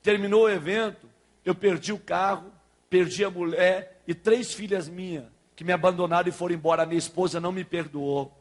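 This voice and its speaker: A man preaching a sermon as pastor, telling a story with acted-out dialogue and building to loud, fervent preaching. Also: sits high. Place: church sanctuary.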